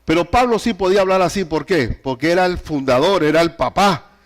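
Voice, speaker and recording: High-voiced man preaching emphatically. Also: fairly quick. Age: adult with a child. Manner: emphatic, repeats key phrases, asks rhetorical questions. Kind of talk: sermon.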